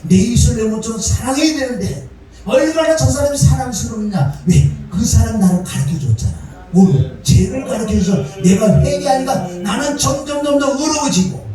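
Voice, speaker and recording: A man preaching a sermon as pastor, animated and often calling the congregation to say amen. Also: extremely high pitch. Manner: animated, calls for amens. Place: church sanctuary. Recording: echoey church hall from far off, music behind.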